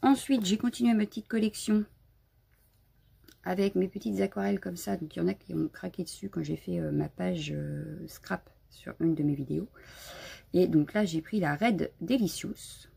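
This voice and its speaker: A woman's voice: on the low side, normal speed, creaky, mellow, husky. A woman hosting a casual live crafting stream from home, chatty and a bit scattered, greeting viewers as she shows her supplies. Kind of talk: casual live unboxing chat.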